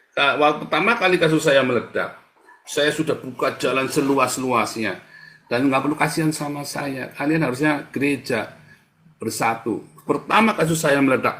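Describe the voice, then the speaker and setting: A man in a ranting monologue to his viewers as a preacher, slangy and full of fillers, mocking and jeering as he swings from low muttering to shouting. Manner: casual slangy, many fillers.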